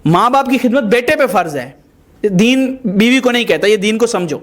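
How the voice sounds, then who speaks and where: High-voiced man lecturing a couple. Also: expressive. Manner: lecturing, moralizing, emphatic. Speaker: host mediating a couple's dispute. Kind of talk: confrontational reality-show mediation.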